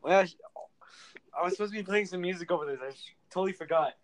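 A co-host in casual chat, teasing in a deadpan way. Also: medium pitch, racing, no echo, rough recording.

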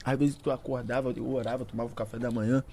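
Rapid-fire Rio man talking street slang. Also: medium pitch, level tone, over a noisy crowd. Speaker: music artist, guest. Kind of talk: casual podcast chat.

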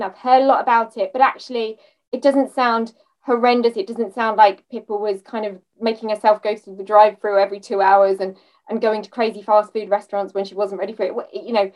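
A woman's voice: medium pitch, recorded from a distance, poor audio. A woman hosting a conversational interview, asking long, thoughtful, reflective questions. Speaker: podcast host.

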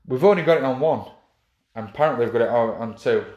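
A man's voice: medium pitch, darkish tone, dull audio. Rambling man, echoey room. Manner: rambling, halting with many fillers and restarts. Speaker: club official. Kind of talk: casual chat.

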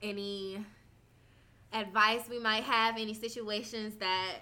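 A woman hosting a relaxed podcast conversation, her voice strikingly bright and sharp. She talks loosely and expressively and laughs often. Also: mid-range voice, slow pace. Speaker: podcast host. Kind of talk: casual podcast chat.

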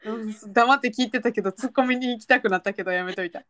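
A young woman speaking with a strong Kansai accent, in a lively, casual conversational style. Her voice sits a little high, and she acts out quoted remarks as she goes. The recording is dry and close. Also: very fast, dry recording. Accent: Kansai Japanese. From Kansai, Japan. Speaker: podcast co-host. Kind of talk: casual chat.

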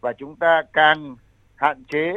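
An older man explains public health advice as an expert guest, in halting, repetitive phrasing. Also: a little high, steady tone, no room sound. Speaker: medical expert guest, senior health adviser. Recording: thin phone-like line.

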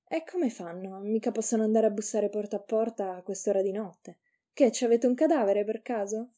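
Woman doing a blunt, cocky young ringleader in a storybook reading; very dark, mellow voice. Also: medium pitch, fairly quick, natural voice. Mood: brash. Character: rough young man, cocky, bold ringleader.

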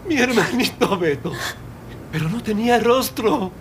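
A man's voice: high-pitched, lively intonation, unhurried, slight background noise. A man voicing a dazed priest who speaks faintly and tearfully. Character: dazed male priest seeing his dead brother.

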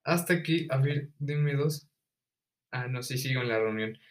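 A young man with a Mexican accent telling stories in casual chat, animated and slangy, acting out the people he quotes. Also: mid-range voice, unhurried. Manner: animated, acts out quoted voices, slangy and profane.

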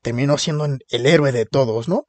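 A man's voice: medium pitch, brisk, darkish tone, no echo. A man with a Mexican accent casually recapping a comic, full of slang and laughter. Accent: Mexican Spanish. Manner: slangy, laughing plot retelling. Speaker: podcast host recapping a comic. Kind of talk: casual chat.

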